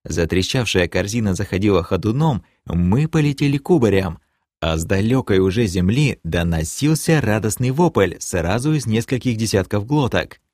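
A man narrating a fantasy audiobook in first person, dramatic and lively, breaking into shouted lines. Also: on the low side, moderate pace, no echo, studio quality. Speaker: audiobook reader.

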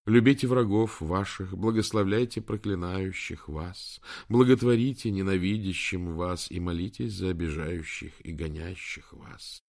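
A man voicing a gentle nun reading scripture slowly in a hushed way. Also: deep voice, steady tone, vocal fry. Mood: solemn.

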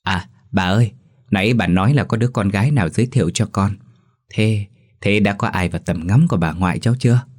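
A man voicing an affectionate, curious young grandson who talks in a lively, playful way in an audio story. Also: on the low side, brisk, natural voice.

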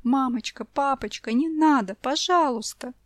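A woman's voice: high voice, expressive, unhurried, no room sound, studio quality, pitched above the performer's own voice. A woman doing a whiny six-year-old girl. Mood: sobbing plea. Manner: whiny, wailing pleas. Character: little girl, six, spoiled and tearful.

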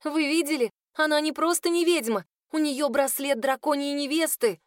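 Woman reading an excitable young woman. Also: high-pitched, moderate pace, dry recording, clean studio sound, voice pushed up, lightly acted. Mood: excited. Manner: eager, gasping.

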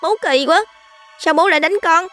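A woman's voice: very high-pitched, moderate pace, a bit bright, soft background music, pitched above the performer's own voice. A woman reading a story and voicing a stubborn little boy in a whiny, pleading child's voice. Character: small boy, sulky and stubborn.

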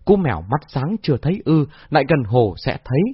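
A man voicing a cunning, mocking female gatekeeper in a husky voice on a dull, dry recording. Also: medium pitch, big pitch swings, brisk, no echo. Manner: mocking, cackling. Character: cunning cackling female gatekeeper, wields whip.

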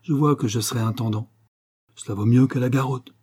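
A man voicing a rough hired thug who answers in short, blunt phrases, with a husky voice. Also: medium pitch, fairly even intonation, brisk, darkish tone, lightly acted. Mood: gruff, blunt. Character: rough male hired thug, eager, slow on the uptake.

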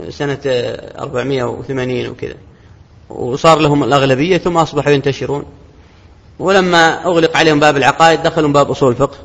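A man teaching a religious text, explaining in quick, conversational lesson commentary. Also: on the high side. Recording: dull recording in a large reverberant hall.

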